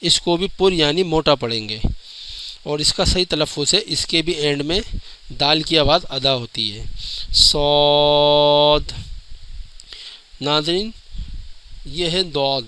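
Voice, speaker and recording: A man giving a step-by-step lesson on the letters, drawing out each letter sound slowly and clearly and often turning to address the viewers. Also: a little high, bright, forceful tone, a little hiss or hum, rough recording. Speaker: Quran teacher.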